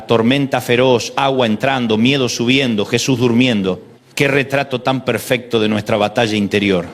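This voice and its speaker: Emphatic Rioplatense preacher man. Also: medium pitch. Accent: Rioplatense Spanish. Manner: emphatic, with rhythmic repetition and slow dramatic pauses. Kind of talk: devotional sermon.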